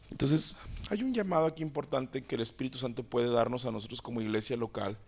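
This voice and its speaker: A man preaching a sermon as pastor, talking conversationally with soft asides and loud emphatic exclamations. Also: on the high side.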